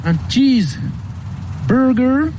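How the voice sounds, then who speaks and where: Guy on a drive-thru speaker taking orders, high voice, snippy, acts like he can't hear, traffic noise all round. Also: animated, drawn-out words. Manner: curt, needling, pretends to mishear. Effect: voice through a drive-thru order speaker. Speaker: prankster posing as drive-thru order taker. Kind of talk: prank call clip played on radio. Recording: noisy outdoor clip with car sounds.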